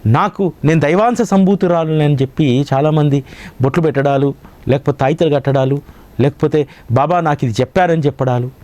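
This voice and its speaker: A man's voice: on the high side, brisk, dark tone. A man giving a devotional discourse as a spiritual teacher, with a Telugu accent, preaching with rhetorical questions.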